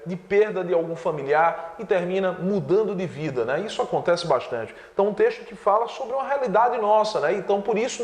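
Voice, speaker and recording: A man's voice: sits high, echoey room, long reverb tail. A male teacher explaining exam answers step by step, often checking in with "né?". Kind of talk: exam prep lesson.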